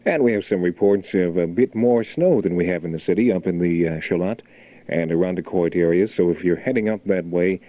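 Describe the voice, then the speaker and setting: Heard on a muffled, phone-like 1980 radio aircheck with music playing behind, a man with a low, fairly quick voice and no echo hosts a morning rock show. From the studio he runs through local announcements in easygoing, conversational DJ style.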